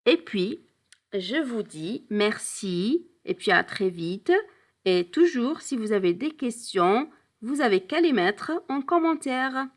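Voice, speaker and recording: A woman teaches French in a bilingual lesson. Her voice sits a little high, and she talks at an unhurried pace. She switches between French and English and often stops to hesitate before going on. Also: animated. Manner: frequent hesitation fillers.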